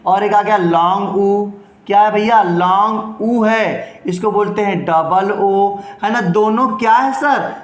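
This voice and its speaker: A high-pitched male teacher gives an English grammar lesson in Hindi, asking himself questions and repeatedly saying "understand." He stretches words slowly to show their sounds, and the room is roomy and echoey.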